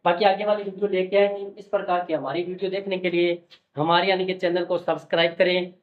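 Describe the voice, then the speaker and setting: A man's voice: sits high, level tone, brisk. A man teaching stenography shorthand, explaining step by step and patiently repeating his checks with the learner. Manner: patient, repeats "okay" and "look carefully" often. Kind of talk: classroom-style explanation. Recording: echoey, distant, dull sound.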